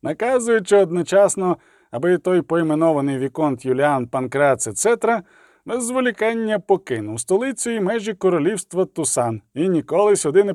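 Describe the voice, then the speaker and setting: A man's voice: on the high side, darkish tone, no room sound, clean studio sound. A man doing a gloomy, pompous court official. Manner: solemn, proclaiming.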